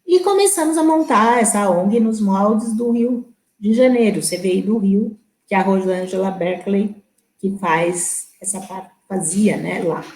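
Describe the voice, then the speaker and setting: São woman telling a lively story. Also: mid-range voice, unhurried. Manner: lively storyteller, acts out quoted people. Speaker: guest interviewee. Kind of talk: casual recounting in a live web interview. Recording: roomy echo.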